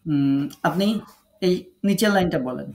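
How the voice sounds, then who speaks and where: A man's voice: on the high side, a little slow, a little mellow. A man teaching Quran recitation in an online class, calling on students and patiently repeating syllables for them.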